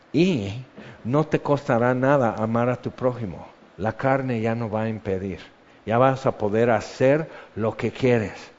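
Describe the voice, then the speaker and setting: A Mexican-accented man teaching the Bible in a sermon, talking to his listeners in a loose, chatty way. His voice sits at an ordinary middle pitch. The recording sounds muffled and dull, with a long reverb trailing through a large hall. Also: a little mellow. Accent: Mexican Spanish. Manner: chatty and explanatory, often checks in with "ok". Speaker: preacher.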